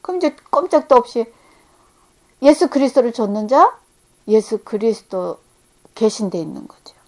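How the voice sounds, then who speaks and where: A middle-aged woman preaching a sermon, earnest, rising to emphatic peaks and then dropping to hushed, quiet tones. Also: a little high, sing-song, normal speed.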